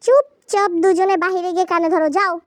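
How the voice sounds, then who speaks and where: A woman's voice: very high-pitched, fairly quick, no room sound, clean studio sound, voice pushed up. Woman doing a bossy, fed-up grandfather, barking orders. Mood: scolding. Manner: scolding, giving orders. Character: irritated older grandfather, stern and commanding.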